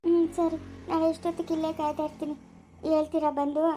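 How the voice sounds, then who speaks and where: A woman's voice: sits high, flat delivery, fast, warm tone, natural voice. A woman playing a poor, orphaned village woman in her thirties, pleading and tearful in a family drama. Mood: shy hopeful. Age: 30s.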